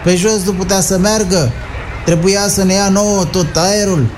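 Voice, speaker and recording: A man's voice: sits high, steady tone, pitched above the performer's own voice, lightly acted. A man doing a jeering rude teenage boy. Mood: mocking. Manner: jeering, insolent. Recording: noisy recording.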